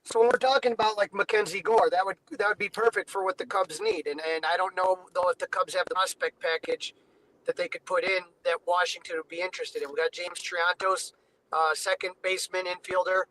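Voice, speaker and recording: A man's voice: sits high, steady tone, fairly quick, a bit bright, slight background noise, poor audio. A man talking baseball as a podcast guest over a video call that breaks up, loose and chatty with lots of fillers. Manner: loose and conversational, many "you know" fillers. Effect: heard over a video call with a breaking-up connection. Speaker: podcast guest covering the Cubs. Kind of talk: casual baseball chat.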